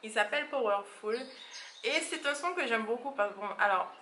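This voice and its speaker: A woman's voice: a little high, lively intonation, normal speed, bright, forceful tone, reverberant, slight background noise. A woman chatting casually as a beauty vlogger, rambling with frequent fillers and laughs. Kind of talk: casual monthly favorites vlog.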